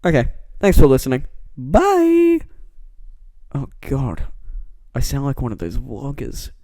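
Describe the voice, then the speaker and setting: A man's voice: medium pitch, animated, moderate pace, warm tone, dry recording. A man talking in a rambling, self-deprecating vlog monologue, often stammering and restarting words, recorded on a close microphone that pops on plosives. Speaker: vlogger. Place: indoor room. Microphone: close mic with plosive pops.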